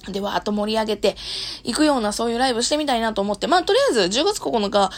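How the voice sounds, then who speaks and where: A woman with a Kansai accent and a hoarse, worn-out voice, chatting casually to listeners as a show host and often laughing. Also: a little high, animated, racing. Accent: Kansai Japanese. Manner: laughs often while talking. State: hoarse, worn voice after long streaming. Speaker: host of an audio talk show and live streamer. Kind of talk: casual solo talk to listeners.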